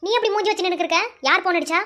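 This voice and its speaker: A woman doing a brisk, bossy village sister-in-law. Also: very high voice, steady tone, a bit bright. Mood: urgent. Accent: Madurai Tamil. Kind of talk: cartoon voice acting.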